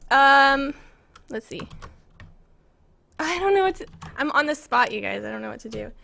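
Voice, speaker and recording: Sitting at her apartment computer, this American live streamer and game map maker talks casually with her viewers, rambling and giggling self-consciously. The voice is high-pitched and animated, at a normal speed, with vocal fry and a bright, forceful tone.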